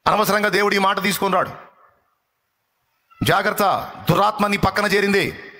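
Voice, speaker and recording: A male pastor preaching a fiery live sermon, exhorting and rebuking with rapid repetitions. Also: sits high, steady tone, sharp tone. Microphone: live-stream microphone.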